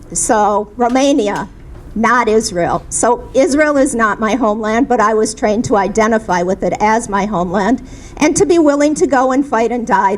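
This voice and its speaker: Earnest woman, panel speaker, slightly high voice, halting delivery. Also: poor audio. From Minnesota, USA. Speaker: community activist. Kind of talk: panel discussion remarks.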